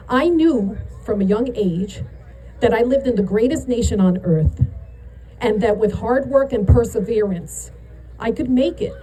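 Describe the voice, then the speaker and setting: A middle-aged woman from the New York area, with a New York accent, delivers a rousing outdoor rally speech. Her fairly high voice is emphatic and punchy, building to shouts, and the poor audio carries a little hiss or hum.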